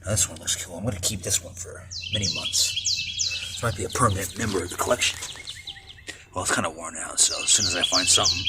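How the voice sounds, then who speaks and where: A young man in his twenties talks in a deep, gravelly voice, tossing off mumbled asides and casual swears as he works. He is recorded on a camera mic in a backyard, with plenty of outdoor noise behind him. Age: 20s. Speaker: vlogger. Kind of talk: casual rambling commentary while working. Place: outdoors in a backyard under a roof.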